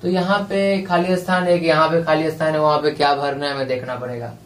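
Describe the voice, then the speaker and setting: A male exam prep teacher explaining a lesson, reading English lines slowly and spelling words letter by letter. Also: fairly high pitch, steady tone. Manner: reads English passage slowly, drawn out. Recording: echoey room, voice from a distance.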